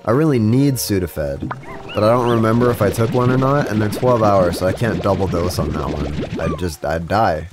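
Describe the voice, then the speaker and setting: A young male streamer with a cold chats casually to his live chat while gaming, his voice stuffed up and fairly low, at normal speed over music. He rambles, often cutting himself off to restart. The audio comes from a studio mic with a compressor.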